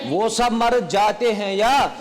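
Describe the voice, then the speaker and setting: A man's voice: high-pitched, a crowd in the background. A male grammar teacher quizzing his class, asking questions, repeating their answers and praising them. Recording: classroom recording with long reverb.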